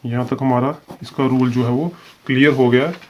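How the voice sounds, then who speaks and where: Speaking a little fast with fairly even intonation, a medium-pitched man walks viewers through a shorthand lesson in step-by-step video form. He patiently explains examples, repeats phrases, and draws out the example words; the audio is dull and lo-fi.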